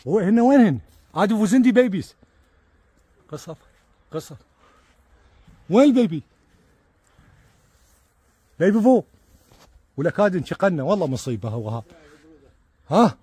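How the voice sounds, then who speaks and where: A man with an Iraqi accent giving casual, excitable commentary to viewers as he films his pigeons outdoors, repeating words and dropping religious blessings. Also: high-pitched, moderate pace, pauses often, slightly rough, dry recording. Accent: Iraqi Arabic. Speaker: pigeon keeper filming his birds.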